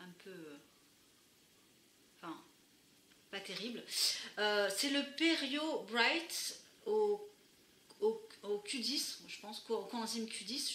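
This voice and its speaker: A woman's voice: on the high side, pushed and bright, slight background noise. A woman vlogger casually reviewing her product haul, hesitating with many fillers but enthusiastic. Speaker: beauty vlogger. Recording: echoey room.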